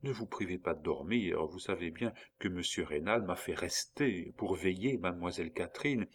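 Male reader doing a soft-spoken, kind young man in a storybook; low voice, hushed and gentle. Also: measured pace. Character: kind lovesick young man, speaking softly.

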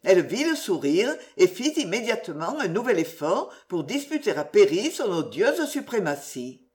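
A woman narrating an audiobook in a measured, expressive storytelling manner. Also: medium pitch.

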